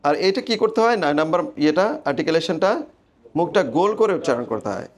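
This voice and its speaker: A man's voice: fairly high pitch, sing-song, quick pace. A man with a Bangladeshi accent teaching English pronunciation to a class, modelling sounds and asking students to repeat them. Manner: drills sounds aloud, asks the class to repeat. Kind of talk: classroom phonetics lesson.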